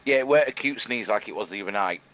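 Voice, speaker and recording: Low-voiced man in game chat. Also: expressive, racing, fairly bright tone. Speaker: co-player.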